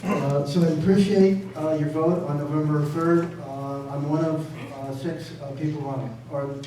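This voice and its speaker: An older Massachusetts man, an attorney running for city council, gives an informal, hesitant introduction to his campaign, laced with wry humor. His voice sits on the high side with a dark tone, fairly even intonation and normal speed. The recording comes from a large indoor public forum room, echoey and noisy, with the mic placed at a distance.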